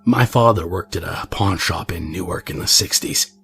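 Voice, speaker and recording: Man voicing hushed, haunted stranger with deep gravelly tone. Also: moderate pace, soft background music. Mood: somber. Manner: hushed, quavering. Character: haunted, paranoid grown man recounting a horror.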